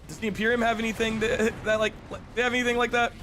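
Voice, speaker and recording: A man's voice: extremely high pitch, monotone, quick pace, bright, forceful tone, a little hiss or hum. A man streaming a video game with casual, joking, sweary chat. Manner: profane, joking.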